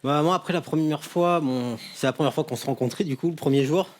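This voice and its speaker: A man's voice: fairly high pitch, fast talker. A man on a TV game show, answering bluntly in short phrases and telling a casual story. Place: TV studio.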